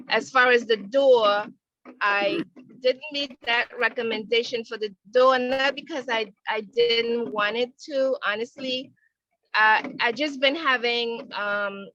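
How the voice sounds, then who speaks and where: A woman calling in by phone from outdoors, testifying at a hearing in a hesitant, halting way as the line crackles and fades in and out. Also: a little high, pushed and bright. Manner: hesitant, halting, many restarts. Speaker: property owner appealing a violation. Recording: dry, muffled phone line.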